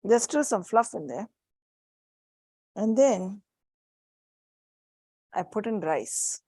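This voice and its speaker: A woman's voice: mid-range voice, lively intonation, slow, husky, no echo. A woman psychiatrist with an Indian accent, giving a practical workshop to parents and showing objects as she explains. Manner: warm, practical, demonstrating objects. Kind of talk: live workshop talk to room and Zoom.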